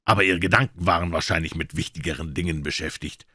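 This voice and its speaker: A man reading a soft, insistent gentleman detective. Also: low-pitched, fast, slightly rough, dry recording, studio quality, exaggerated voice.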